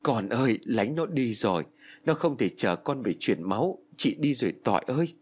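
A man's voice: mid-range voice, expressive, moderate pace, slightly rough. A man voicing a grieving, lamenting mother. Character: grieving mother, tearful and clinging. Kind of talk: audiobook narration.

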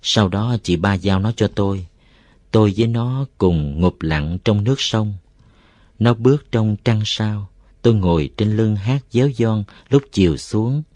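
A man reading a novel aloud, calm and even, as narrator. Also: lowish voice, measured pace, no room sound.

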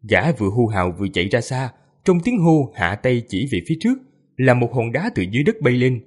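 Lively, slightly husky male narrator. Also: mid-range voice, fairly quick. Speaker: audiobook narrator. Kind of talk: storytelling narration.

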